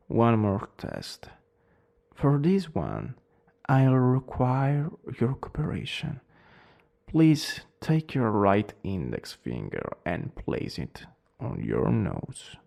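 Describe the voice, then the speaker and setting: A man acts out a plague doctor in a role-play, coldly polite and clinical, with an Italian accent. His mid-pitched voice crackles with gravelly fry. He speaks slowly and formally, with sweeping rises and falls in intonation. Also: darkish tone, full character voice. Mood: calm, instructing. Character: cold, eerily polite male plague doctor.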